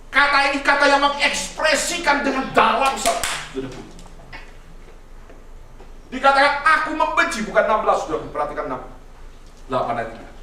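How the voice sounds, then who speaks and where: Dramatic high-voiced preacher in echoey hall. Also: male voice, slight background noise. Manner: dramatic, swings from loud shouts to hushed asides, constant "saudaraku". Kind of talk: sermon. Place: large church hall. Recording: echoey hall, heard from a distance.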